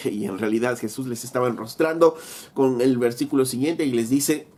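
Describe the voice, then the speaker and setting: A man's voice: medium pitch, normal speed, darkish tone. A man preaching a sermon, telling a story with rhetorical questions and acting out biblical dialogue. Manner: acts out biblical dialogue in quoted voices.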